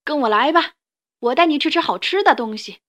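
A woman reading a storybook and voicing a big, hungry adult male tyrannosaurus who talks loud and gruff. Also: high-pitched, lively intonation, a little fast, voice pushed up. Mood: sly.

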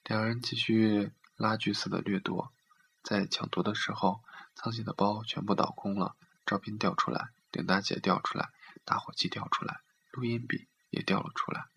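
A man reading a literary story aloud in a steady, measured way. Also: fairly low pitch, vocal fry, breathy edge.

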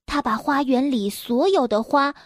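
A young woman reading a children's story aloud, gentle and expressive, speaking directly to the children. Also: sits high, normal speed, no room sound, clean studio sound.

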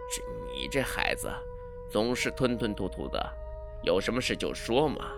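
A man putting on a cranky old great-uncle from a spooky storybook tale. The voice drops low and soft, a sleepy, impatient grumble that suits an elderly man woken in the night. Its pitch still rises and falls, and faint music sits behind it. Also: sing-song, moderate pace. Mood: grumbling. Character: gruff elderly great-uncle, irritable and secretive.

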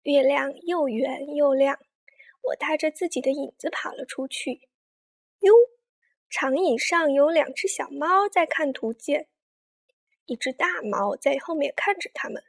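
Storyteller: woman, high bright register, gentle children's picture-book narration, coaxing tone. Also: unhurried, vocal fry. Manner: warm, coaxing tone addressing children.

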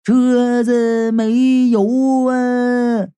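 A man voicing a whiny male ghost who wails his complaints in a slow, drawn-out cry. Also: very high-pitched, level tone, mellow, clear, resonant tone, pitched above the performer's own voice, exaggerated voice. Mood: wailing. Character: whiny wailing male ghost, wants everything.

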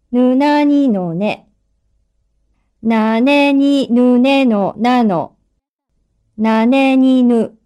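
A woman's voice: on the high side, warm tone. A woman reading a scripted language exercise as a model speaker, carefully dictating words and short phrases.

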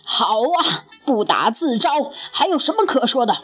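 A woman's voice: high voice, expressive, a little slow, faint music behind, full character voice. Woman playing a furious blustering dragon king. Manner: blustering, shouting accusations.

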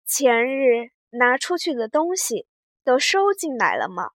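A shrewd, cold noblewoman from an old storybook, as a woman reads her aloud. She speaks slowly with cool sarcasm, in a slightly raised pitch. The sound is close and dry. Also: sing-song, dry recording. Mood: sarcastic. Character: shrewd cold young noblewoman, commanding and suspicious.

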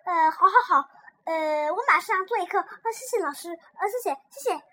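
A woman's voice: very high-pitched, lively intonation, normal speed, pushed and bright, exaggerated voice. A woman voicing a nervous father who stammers apologies over the phone. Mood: flustered.

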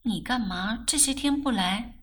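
A woman's voice: fairly high pitch, unhurried, a bit bright. A woman reading a novel aloud, voicing a frank young woman who scolds playfully. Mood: playful reproach.

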